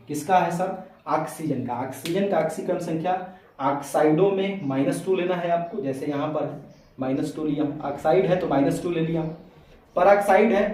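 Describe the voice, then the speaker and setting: A man's voice: sits high, dark tone. A male chemistry teacher gives a classroom lecture, asking and answering his own questions step by step. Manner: explains step by step, asks and answers his own questions, calls students beta. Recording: very echoey room, mic far off.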